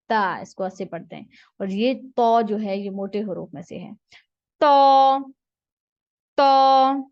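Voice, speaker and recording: Her voice slightly high, a woman leads a step-by-step Quran pronunciation lesson, going over each letter sound several times with patience. It is a dry, dull recording made up close.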